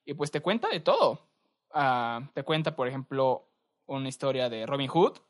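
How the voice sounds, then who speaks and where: A young man with a Mexican Spanish accent, co-hosting a podcast and telling stories in a relaxed, slangy, rambling way. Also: mid-range voice, moderate pace. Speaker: podcast co-host. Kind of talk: casual chat.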